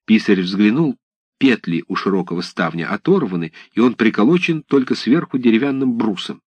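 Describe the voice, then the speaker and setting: Expressive male audiobook narrator. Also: fairly low pitch, normal speed, husky, no echo. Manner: expressive, dramatic reading. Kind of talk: audiobook narration of a classic tale.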